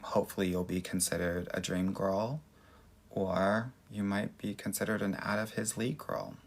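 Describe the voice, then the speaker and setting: A man's voice: fairly low pitch, fairly even intonation, moderate pace, creaky, slight background noise. An American man from Los Angeles hosting a casual livestream, chatting with sassy, effusive, girly best-friend familiarity as he answers viewers. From Los Angeles, United States. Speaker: dating coach and livestream host.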